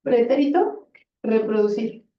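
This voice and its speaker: In a roomy, distant classroom recording with dull sound, a woman runs a Spanish conjugation drill. Her voice is a little high, animated and unhurried, and she's patient and encouraging, often praising answers.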